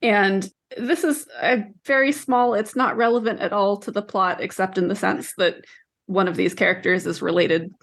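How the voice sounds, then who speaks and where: A podcast co-host in her thirties talks about books in a casual, conversational way. She speaks at a normal speed in a mid-range voice with fairly even intonation.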